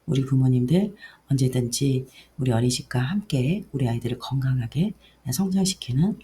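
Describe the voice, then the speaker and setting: A middle-aged woman, a daycare director, earnestly explaining her program to parents, with sentence ends that trail off softly. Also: rumbling low, animated, normal speed, a little hiss or hum. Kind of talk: education briefing for parents.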